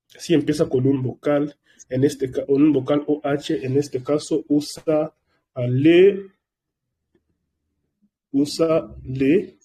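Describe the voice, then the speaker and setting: A man's voice: on the high side, dark tone, breathy edge. A man teaching French in an online class, explaining patiently and checking in with frequent questions to his students. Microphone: computer microphone.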